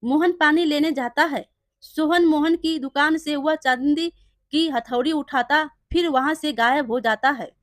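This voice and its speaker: Brief: woman storyteller, high voice, plain simple narration, dry sound. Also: a little slow, dry recording. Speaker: storyteller, channel host.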